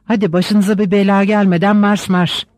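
Brief: blunt, hot-headed cavalry captain voiced by a male reader, high voice, dry sound. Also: little pitch movement, moderate pace, dry recording, close to an everyday voice. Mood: furious. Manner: blunt, shouting bursts.

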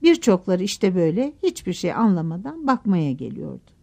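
A woman narrating a novel aloud in a measured, expressive audiobook reading. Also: on the low side, creaky.

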